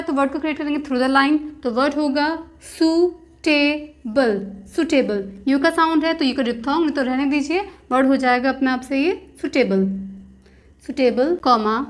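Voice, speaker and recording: A woman teaching shorthand step by step. She spells out each stroke and repeats every word. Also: high-pitched. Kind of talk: step-by-step dictation lesson.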